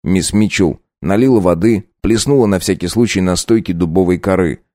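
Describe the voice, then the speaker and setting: A man narrating a dark audiobook in a steady storytelling voice. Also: deep voice, moderate pace, dry recording, clean studio sound.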